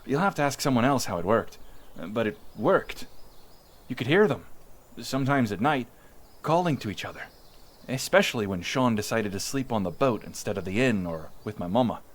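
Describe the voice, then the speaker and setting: Speaking at normal speed in a mid-range voice, a voice actor performs as a talkative young villager telling sea monster stories in character. The mood is reflective and fond, the delivery an informal, animated, rambling witness account with hesitations.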